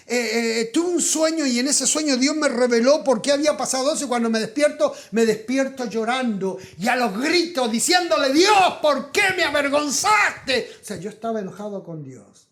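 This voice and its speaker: A man with a Rioplatense Spanish accent preaching a sermon as pastor, swinging from loud emphatic calls to hushed asides. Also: very high voice, expressive, fairly quick. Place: auditorium.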